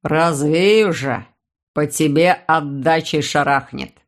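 A woman reading the lines of a calm, grumbling male warlock uncle, lowering her voice and reasoning dryly. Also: slow pace.

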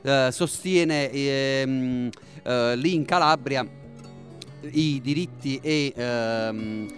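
A man's voice: medium pitch, very slow. A man with a southern Italian accent from Campania hosting live community radio, chatting theatrically with slogan-like, sing-song phrases. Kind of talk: live street radio chat with playful sing-song chants. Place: live outdoor broadcast in a town square. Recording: music playing behind the voice.

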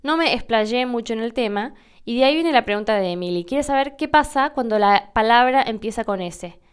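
A young adult woman from Argentina with an Argentine Spanish accent, hosting a podcast and explaining pronunciation slowly and carefully. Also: on the high side, expressive, clean tone. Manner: slow, careful demonstrations of pronunciation. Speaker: podcast host answering listener questions.

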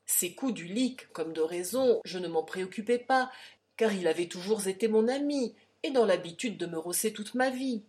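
Brief: woman audiobook narrator, first-person classic novel, steady and expressive. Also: mid-range voice, normal speed. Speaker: audiobook reader.

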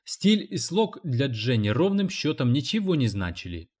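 Man reading a novel aloud, mid-pitched. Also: sing-song, normal speed, a little mellow, slightly rough. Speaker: audiobook narrator. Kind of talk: scripted narration.

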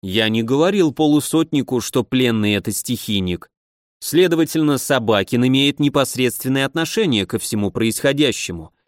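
A man's voice: mid-range voice, animated, moderate pace, dry recording. Man narrating an audiobook, dry sound. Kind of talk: first-person audiobook narration.

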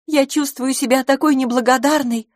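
A woman reading an audiobook, voicing a glamorous, bubbly young woman in a high, lilting, playful voice. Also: fairly even intonation, normal speed, no room sound, studio quality, natural voice. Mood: coquettish.

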